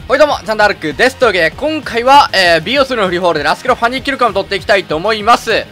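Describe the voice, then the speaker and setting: A man doing casual gameplay commentary and chat, chatty, often stammering and restarting, with excited outbursts. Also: high voice, very fast. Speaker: gaming commentator. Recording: loud game music and gunfire behind.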